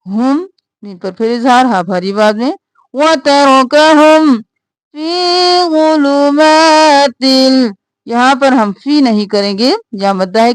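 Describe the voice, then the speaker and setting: A woman teaching Quranic recitation, drawing out verses slowly and explaining each sound briskly. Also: fairly high pitch, no room sound. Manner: slow drawn-out melodic recitation between brisk spoken instructions. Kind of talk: tajweed lesson, alternating slow recitation and quick explanation.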